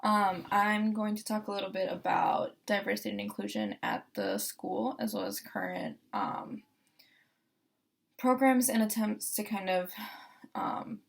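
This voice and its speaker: A young woman from Costa Rica speaks in a relaxed, chatty way as a law student. Her voice carries a noticeable vocal fry, and her talk is full of fillers and quick restarts. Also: medium pitch. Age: young adult. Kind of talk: casual first-person testimonial.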